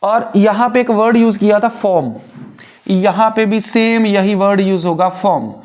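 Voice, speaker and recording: A man's voice: high voice, normal speed, darkish tone. A male chemistry teacher, explaining step by step and asking and answering his own questions. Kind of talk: Hindi-English chemistry lecture.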